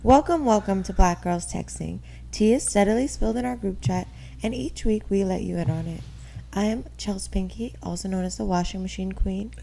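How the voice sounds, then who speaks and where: A woman's voice: mid-range voice, normal speed, creaky, dark tone, slight background noise. A woman chatting casually as a podcast co-host, opinionated and teasing. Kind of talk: casual chat.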